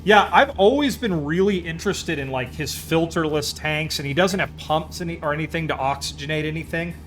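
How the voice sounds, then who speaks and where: A man's voice: a little high, brisk, a bit bright. A man chatting casually as a live streamer during a flight game, rambling along in an easygoing, enthusiastic way. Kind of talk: casual chat while playing a flight simulator.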